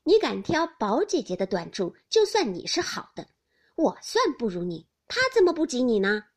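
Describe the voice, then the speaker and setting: A woman voicing a lively, chatty teenage girl in an audiobook, speaking in a loud, bantering way. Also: sits high, normal speed, pitched above the performer's own voice.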